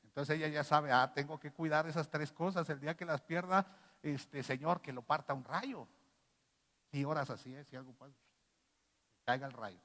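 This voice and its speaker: A man with a Mexican accent preaching a sermon as pastor, animated and firing rhetorical questions at the congregation. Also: on the high side, normal speed. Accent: Mexican Spanish. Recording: long reverb in a church hall.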